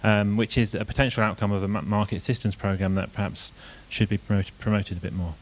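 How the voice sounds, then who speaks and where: A man presenting his group's reasons at a conference, measured and with frequent ums. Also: lowish voice, level tone.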